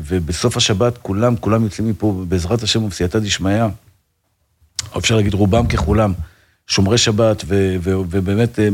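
Earnest man, slightly low voice. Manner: earnest, fervent, full of religious phrases and restarts. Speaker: rabbi. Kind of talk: casual interview talk.

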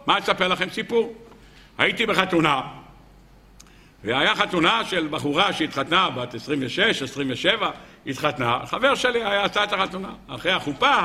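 A man preaches a sermon with a high, very bright and piercing voice. He keeps asking the audience questions and answering them himself, with a joking touch. The sound carries a long reverb from the hall. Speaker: rabbi giving a Torah talk. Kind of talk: sermon with storytelling.

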